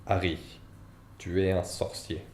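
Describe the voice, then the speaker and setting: Hagrid, a gruff, booming half-giant read by a man. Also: flat delivery, slow, darkish tone. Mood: angry. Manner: booming and indignant. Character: huge gruff male half-giant gamekeeper, quick-tempered. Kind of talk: audiobook reading with character voices. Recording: echoey room, faint background noise.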